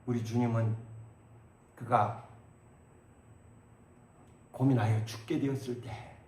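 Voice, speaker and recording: A man in his sixties preaching a sermon as pastor, swinging between loud exhortation and quiet asides and acting out prayers. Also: mid-range voice, fairly even intonation, slow, reverberant. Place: church sanctuary.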